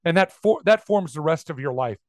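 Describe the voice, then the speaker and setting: Podcast co-host, man, raised pitch, animated and sardonic, close dry mic. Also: a little fast, dry recording. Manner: animated, mock voices in asides. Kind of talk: casual commentary on sermons.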